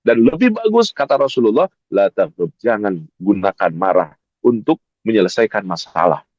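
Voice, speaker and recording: A man's voice: on the low side, sing-song, moderate pace, darkish tone, no echo. A male Islamic preacher, giving an emphatic sermon that repeats key phrases and speaks straight to the congregation. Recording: dull lo-fi recording, dry.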